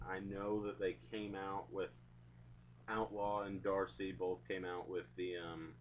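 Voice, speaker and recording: A young man with a low voice rambles casually to his camera, taking his time between phrases. He talks in laid-back slang, like a home video blogger. The webcam sound is dull, with some hum behind him. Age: young adult. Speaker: video blogger reviewing products. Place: small indoor room at home. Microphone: webcam or laptop mic at arm's length.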